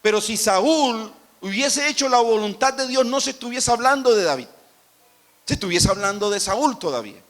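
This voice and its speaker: A man's voice: high-pitched, animated, moderate pace, a bit bright. A man with a Colombian Caribbean Spanish accent, preaching a sermon as pastor and asking the congregation questions.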